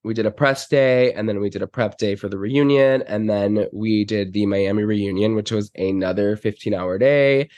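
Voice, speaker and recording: A man's voice: on the low side, moderate pace, few pauses, a little mellow, dry recording. A man with a stuffy, congested nose from being sick, chatting casually as a podcast guest in a gushing, slangy, emphatic way. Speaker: podcast guest, celebrity stylist. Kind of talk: casual chat.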